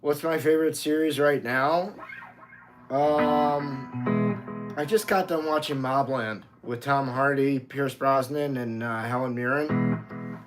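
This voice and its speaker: A man's voice: medium pitch, takes it slowly, faint music behind. A man in his fifties live-streaming as a musician, chatting casually with viewers, greeting them by name and swearing freely. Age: 50s.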